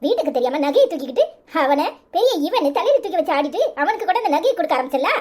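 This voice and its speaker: A woman's voice: extremely high pitch, big pitch swings, fast talker, darkish tone. A fierce berating village woman, Tirunelveli accent. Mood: furious. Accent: Tirunelveli Tamil. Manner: harsh, berating. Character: fierce protective woman, furious scolder. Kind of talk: cartoon voice acting.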